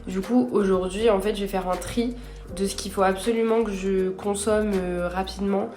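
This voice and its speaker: A young woman chats casually into her phone camera, rambling a little and making fun of herself. Her voice is mellow and relaxed, with faint music playing softly behind her. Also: medium pitch, normal speed. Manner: chatty, self-deprecating, rambling. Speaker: vlogger. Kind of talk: casual vlog chat.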